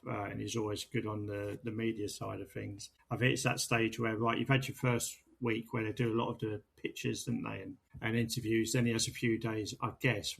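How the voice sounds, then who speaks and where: Gravelly man hosting a podcast. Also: lowish voice. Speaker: podcast host. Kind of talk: casual sports podcast chat.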